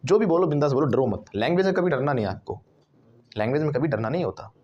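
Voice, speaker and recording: In a classroom, a man with an Indian accent runs a spoken English lesson, drilling students through call-and-response repetition. His voice is a little high and quick, his manner animated, and the audio sounds dull.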